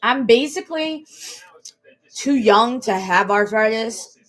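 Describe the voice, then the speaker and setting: A vlogger in her late twenties talks casually to the camera in a personal vlog, rambling, repeating herself and restarting sentences. Her voice is fairly high, animated and fairly bright, and she speaks slowly.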